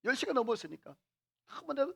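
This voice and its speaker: A man's voice: very high-pitched, sing-song, fast, gravelly, slightly rough. A middle-aged male pastor preaching a sermon in a church, asking the congregation questions and having them repeat phrases after him. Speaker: senior pastor. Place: church sanctuary.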